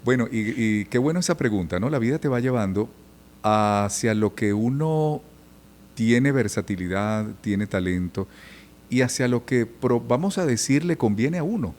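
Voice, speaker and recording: A man's voice: medium pitch, moderate pace, slight background noise. A middle-aged man, a journalist and radio announcer, telling stories in a conversational podcast interview. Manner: storytelling, animated, imitates old radio announcers.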